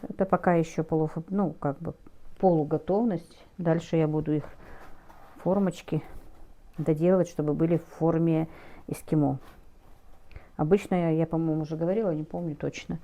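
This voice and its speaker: A middle-aged woman chatting casually in a home cooking vlog, speaking haltingly and often correcting herself as she goes. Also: deep voice, fairly even intonation, dark tone. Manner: halting, with hesitant self-corrections. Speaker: home cook taking food orders, vlogger.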